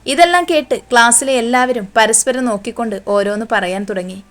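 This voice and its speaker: A woman reading a romance story aloud at an even pace. Her voice sits a little high for a woman, and she keeps the quoted lines soft. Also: fairly quick.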